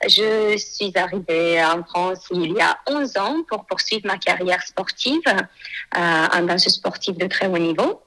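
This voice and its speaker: A woman, answering interview questions on the phone in a measured, thoughtful way with frequent pauses. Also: fairly low pitch, pushed and bright, low-quality recording. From Moldova. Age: 30s. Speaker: guest, former dance champion and coach.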